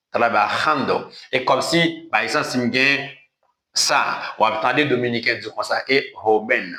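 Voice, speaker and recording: A man giving an online language lesson as its teacher. He repeats words slowly again and again and keeps checking in with a quick "ok?". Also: on the low side, bright, forceful tone, reverberant.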